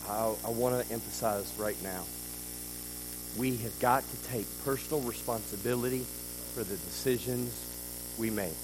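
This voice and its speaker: A man preaching a sermon at a church service, swinging between loud emphasis and quiet intensity and asking the congregation rhetorical questions. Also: mid-range voice, background noise. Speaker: pastor.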